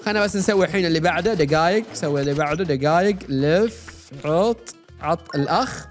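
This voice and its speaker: A young man talks quickly and casually over his game, joking with the customers as he plays. His voice sits at a middle pitch and runs at a brisk pace. Faint game music plays underneath. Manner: fast, chatty, jokes with the game's customers. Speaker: gaming YouTuber. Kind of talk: casual let's-play commentary.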